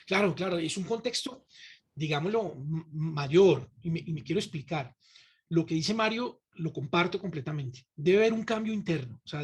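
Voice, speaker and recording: A Colombian host with a slightly high, husky male voice conducts a conversational interview, speaking reflectively and emphatically as he puts probing questions to his guest.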